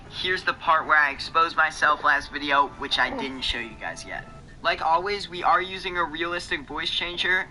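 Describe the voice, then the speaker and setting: A man's voice: a little high, bright, forceful tone. A young man narrating his gaming video in a hyped, promotional way. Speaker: gaming YouTuber. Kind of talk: casual gaming vlog narration. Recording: noisy game audio behind.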